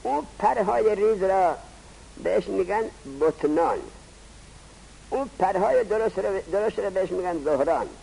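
A man teaching a grammar lesson, posing rhetorical questions and answering them himself in a slow, drawn-out teaching cadence. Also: sits high, expressive, creaky, warm tone, breathy edge, low-quality recording. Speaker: seminary teacher. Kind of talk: classroom lecture on Arabic grammar.

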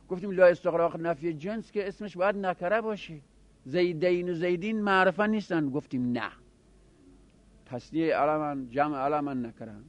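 Man, teacher, classroom grammar lesson, fairly high voice, step-by-step explaining, quick questions to students.

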